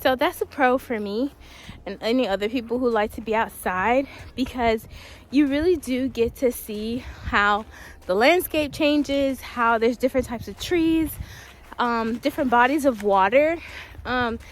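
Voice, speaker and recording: A young woman talking casually while walking a quiet wooded trail in winter, a little out of breath, with many ums. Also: fairly high pitch, a little slow, a little hiss or hum. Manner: chatty, laughs often, many ums. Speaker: vlogger.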